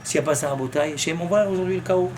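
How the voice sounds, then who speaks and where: Against a noisy background, a rabbi speaks very fast in a fairly high voice. His sermon is impassioned, full of fervent rhetorical questions and sprinkled with Hebrew terms.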